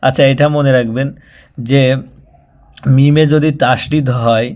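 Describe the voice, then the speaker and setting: A man teaching Quran reading. He spells out syllables slowly and patiently, repeating them and drawing them out as he demonstrates. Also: mid-range voice, fairly even intonation, a little mellow. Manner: patient, repetitive, slows down and draws out syllables when demonstrating. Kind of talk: spoken tutorial, spelling out and chanting syllables.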